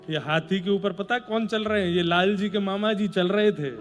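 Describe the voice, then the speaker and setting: A man preaching a devotional sermon as a storyteller, playful with joking asides. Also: sits high.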